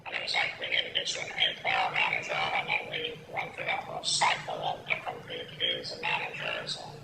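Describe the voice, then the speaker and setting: A man speaking through a deep pitch-shifting voice changer, heard as an anonymous interviewee in a played-back clip. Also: completely flat delivery, fairly quick. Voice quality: very deep, gravelly, distorted. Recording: roomy, noisy played-back video audio.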